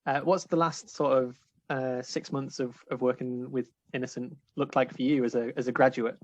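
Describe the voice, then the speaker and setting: A man hosting a student union interview over a video call, friendly, with many pauses and restarts. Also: medium pitch, steady tone, darkish tone, a little hiss or hum. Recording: slightly muffled call audio.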